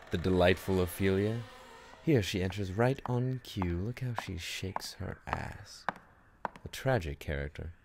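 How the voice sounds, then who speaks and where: A man's voice: low-pitched, gravelly, a little mellow. A man playing a bitter, tormented young prince Hamlet in a theatrical, brooding radio-play monologue that slips between whispers and outbursts. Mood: sardonic. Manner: brooding, dramatic, sardonic, slipping into whispers and outbursts. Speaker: performer in a student radio play. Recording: noisy amateur recording with ambient effects.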